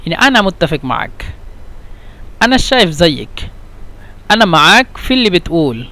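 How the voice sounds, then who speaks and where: A man teaching a language lesson, explaining slowly and repeating phrases, switching between Arabic and English. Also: high voice, big pitch swings, sharp tone. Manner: slow, repetitive explanations mixing Arabic and English.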